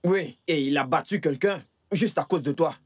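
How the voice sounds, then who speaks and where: A man's voice: on the high side, moderate pace, breathy edge. An actor dubbing a worried young man confronting his sister in a film. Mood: accusing. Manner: accusing, insistent. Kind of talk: dubbed film dialogue.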